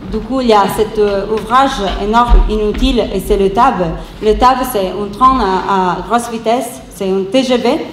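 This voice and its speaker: A woman's voice: medium pitch, a bit bright. A woman from Italy with an Italian accent in French gives an improvised activist speech, hesitating and rephrasing as she searches for words. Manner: halting non-native French with hesitations and rephrasing. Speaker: activist speaker at a round table. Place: round-table event, speaking to an audience. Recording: roomy echo with faint background noise.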